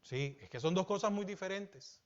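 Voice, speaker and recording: Salvadoran male pastor, high voice, sermon on a dull lo-fi recording, questions to the pews. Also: animated, moderate pace. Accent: Salvadoran Spanish. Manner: preaching with questions to the congregation, rising emphatic then dropping low.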